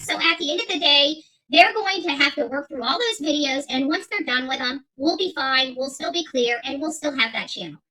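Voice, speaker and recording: A middle-aged woman's very high, bright voice comes across forceful on a rough recording. Hosting an unscripted livestream rant, she reads and replies to viewer chat combatively and emphatically, repeating her phrases.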